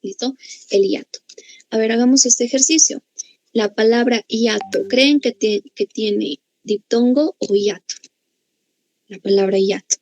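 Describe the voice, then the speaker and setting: A woman's voice: fairly high pitch, measured pace, a little mellow, a little hiss or hum, low-quality recording. A woman with a Bolivian accent teaching a grammar class, explaining patiently and often checking in with her students. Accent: Bolivian Spanish. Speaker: language teacher.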